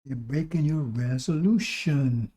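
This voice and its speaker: A man preaching with a hoarse, recovering voice, exhorting through repetition and rhetorical questions. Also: medium pitch, a little slow, warm tone. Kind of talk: sermon.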